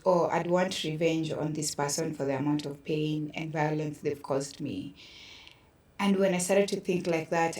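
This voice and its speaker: In a conversational podcast interview, a Kenyan-accented woman who is an artist offers earnest, reflective personal testimony. Her voice is low and a little mellow, picked up from a distance with a roomy echo.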